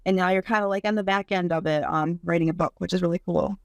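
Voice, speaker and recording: A woman's voice: fairly low pitch, steady tone, fast, vocal fry, dry recording. Laid-back woman podcast host. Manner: open, laid-back, swears casually. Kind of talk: casual chat.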